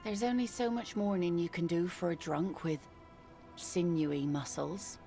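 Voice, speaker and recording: A woman playing a hardened middle-aged widowed fisherwoman in a video game, talking like an old sailor, dry, blunt and gravelly. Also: fairly low pitch, normal speed, dark tone, faint music behind, lightly acted. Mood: blunt, matter-of-fact. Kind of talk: video game character dialogue.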